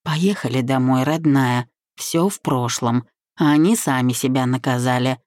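A woman's voice: rumbling low, normal speed, darkish tone, no echo, clean studio sound. A woman reading an audiobook voices a young husband, tender with his wife and stern toward his rival. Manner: hoarse, firm.

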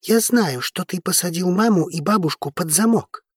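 A man's voice: sits high, moderate pace, husky, no room sound, studio quality, voice pushed up. A man voicing a defiant, angry teenage boy in an audiobook, his tone heated and stubborn. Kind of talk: audiobook character reading.

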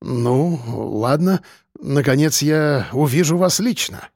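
A man's voice: a little high, animated, takes it slowly, darkish tone, no echo, clean studio sound, full character voice. A man reading an audiobook, voicing a nervous, irritable aging professor who talks hesitantly and defensively.

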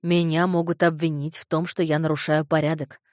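A woman reading an audiobook, voicing a calm, polite teenage boy who speaks softly. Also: deep voice, fairly quick, dry recording, clean studio sound, close to an everyday voice. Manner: soft, restrained.

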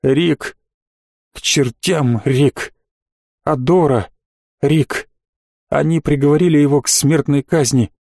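A man voicing a distraught middle-aged male lawyer who keeps breaking into angry shouts. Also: fairly high pitch, steady tone, takes it slowly, vocal fry, pauses often, dry recording, clean studio sound, exaggerated voice. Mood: agitated.

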